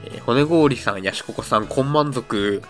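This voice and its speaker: A man's voice: mid-range voice, normal speed, fairly bright tone, faint music behind. A man co-hosting a casual podcast, polite and wry, who reads out listener letters. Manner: polite, wry, laughs easily. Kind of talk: casual chat.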